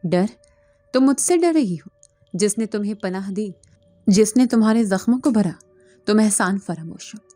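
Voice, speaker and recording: A woman's voice: mid-range voice, dark tone, close to an everyday voice. A woman voicing a cold, possessive male jinn who speaks with icy mockery in a storybook horror tale. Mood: angry. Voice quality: cold, mocking.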